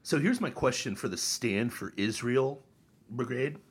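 Podcast co-host, man in his thirties, husky, lively pitch, mocking rant delivery. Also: unhurried. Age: 30s. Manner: animated, mocking, mimics others in high voices. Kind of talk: casual opinion chat.

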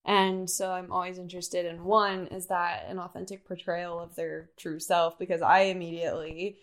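A woman hosting a podcast conversation, asking measured, thoughtful questions. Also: lowish voice, flat delivery. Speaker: podcast host. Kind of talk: casual conversation.

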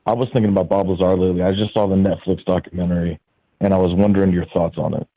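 A man with a very deep, slightly menacing voice, chatting casually and a bit hesitantly as a caller to a talk show. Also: fairly even intonation, fast, no echo, phone-quality sound. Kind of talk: casual chat. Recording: band-limited radio call-in line.

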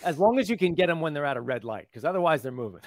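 A man's voice: a little high, darkish tone, no echo. Guy in his 50s telling stories on a podcast, easygoing, laughs a lot. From United States. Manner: chatty storyteller, laughs often. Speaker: guest, public relations professional. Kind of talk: conversational interview.

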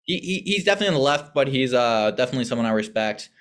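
A young man co-hosting a casual podcast, laying out background in a relaxed, explanatory way. He drops in dry, sarcastic asides. His voice sits at an ordinary middle pitch. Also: racing. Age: young adult. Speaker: podcast co-host.

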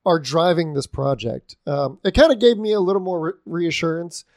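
A man's voice: on the high side, moderate pace, a little mellow, dry recording, studio quality. Earnest man explaining on a podcast. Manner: earnest, explaining, filler-heavy. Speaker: podcast co-host. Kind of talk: casual chat.

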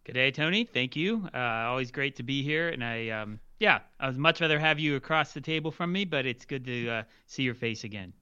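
A man's voice: mid-range voice, animated, fairly quick, hardly any pauses, sharp tone, smooth, dry recording, highs cut off. A man talking as a podcast guest over a video call, enthusiastic and playful. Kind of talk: casual conversation.

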